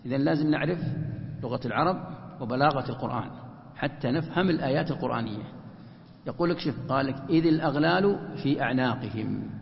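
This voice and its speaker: A man's voice: medium pitch, quick pace, vocal fry. A man teaching a Quran commentary lesson, who asks rhetorical questions and answers them himself. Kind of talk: explanatory religious lesson. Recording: echoey hall, muffled lo-fi sound.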